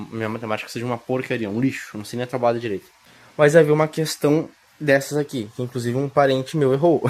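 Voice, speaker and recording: A man gives a casual spoken grammar lesson recorded on a phone. He rambles, corrects himself and keeps checking in with his listeners. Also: medium pitch. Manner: rambling, self-correcting, with frequent "tá?" check-ins. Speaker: self-taught grammar tutor.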